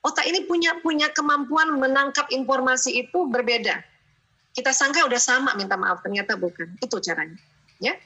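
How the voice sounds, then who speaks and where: A middle-aged woman giving a lively parenting seminar talk, acting out little parent and child exchanges. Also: sits high, brisk, lo-fi sound. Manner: animated, acts out parent and child lines.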